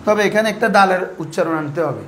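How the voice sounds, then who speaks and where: Talking fast in a high, animated, somewhat bright voice, this teacher of Arabic grammar and Quran recitation rules drills his pupils with repeated questions and has them call back answers. A faint hiss or hum is audible.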